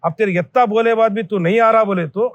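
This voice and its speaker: Male, high voice; blunt scolding public warning, repetitive; dull, dry recording. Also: fairly quick, dry recording. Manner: scolding, blunt, repeats threats. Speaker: local activist addressing a company owner. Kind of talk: angry public warning statement.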